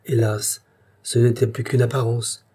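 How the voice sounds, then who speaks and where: A man narrating a literary short story in a measured storytelling manner. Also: medium pitch, flat delivery, warm tone, husky.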